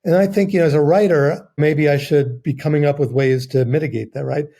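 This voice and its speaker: A man's voice: on the high side, steady tone, brisk, vocal fry, dark tone. A man on a podcast panel who works as a writer, making wry points and reasoning aloud. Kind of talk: casual film discussion.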